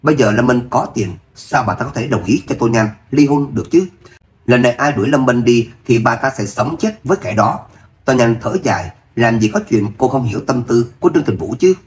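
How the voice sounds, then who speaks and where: A man narrating a serialized romance novel in steady storytelling style. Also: mid-range voice, brisk. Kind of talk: audio novel reading.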